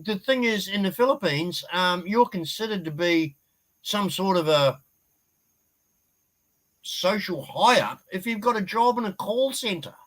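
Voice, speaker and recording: A man's voice: high voice, expressive, measured pace, fairly bright tone, low-quality recording. A man ranting blunt, profane bloke. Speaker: guest or host on a live show. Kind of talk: casual live-stream chat.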